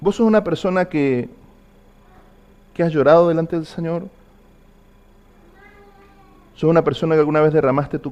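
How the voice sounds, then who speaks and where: A man's voice: on the high side, darkish tone, highs cut off. A man preaching a sermon, earnestly asking the congregation repeated personal questions. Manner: earnest, repetitive questions to the listener.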